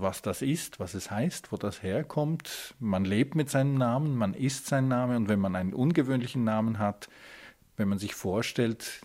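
Swiss male interviewer, low measured voice. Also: darkish tone. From Switzerland. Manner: measured, probing questions. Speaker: interviewer, host. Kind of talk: radio interview.

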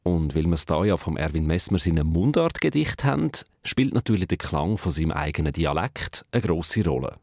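A man's voice: deep voice, big pitch swings, normal speed, gravelly, few pauses, a little mellow, no echo, clean studio sound. A man presenting a radio feature about dialect poetry in scripted narration.

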